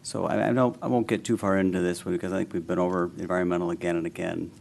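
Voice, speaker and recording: Mayor chairing a council meeting, plain-spoken man with a low, gravelly voice, faint hiss behind. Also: flat delivery, rapid-fire, a little mellow. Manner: casual, reassuring, plain-spoken. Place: city council chamber.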